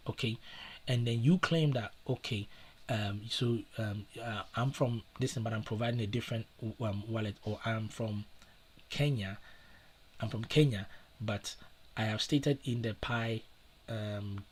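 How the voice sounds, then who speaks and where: A man's voice: medium pitch, slightly rough. A man hosting a live stream and giving casual advice in an earnest, repetitive way, with many fillers and restarts. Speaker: livestream host.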